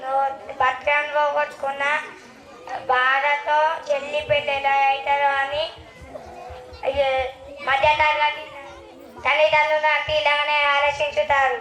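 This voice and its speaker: A woman acting as a worried middle-class father of two daughters in a school play, speaking gravely. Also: high voice, completely flat delivery, moderate pace, pauses often, sharp tone, a faint crowd. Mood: weary. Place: school stage. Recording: echoey hall with music and audience.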